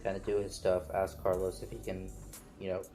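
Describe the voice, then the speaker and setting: A man with a fairly low voice who chats casually as a player in a tabletop role-playing podcast. He stammers often and repeats words as he warms up. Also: monotone, brisk, faint music behind. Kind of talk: casual actual-play chat.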